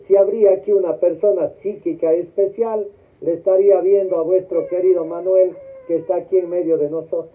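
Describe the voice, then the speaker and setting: A man giving a memorial homily as a priest, putting questions to the congregation and waiting for them to answer. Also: sits high. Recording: tinny phone-like sound.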